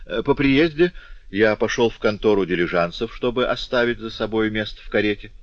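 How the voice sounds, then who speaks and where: A man's voice: on the low side, expressive, brisk, no room sound, muffled recording, lightly acted. A man voicing a glib, self-assured young lancer officer. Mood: breezy. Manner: jaunty, glib, worldly-wise.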